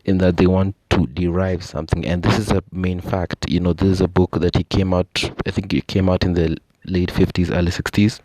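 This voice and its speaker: A young Kenyan man with a deep, low voice talks through ideas in a relaxed, explanatory monologue. He keeps dropping in "you know" and "I think" as he goes. The sound is close and dry. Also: fairly quick, few pauses, no echo. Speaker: podcast host. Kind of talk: casual monologue.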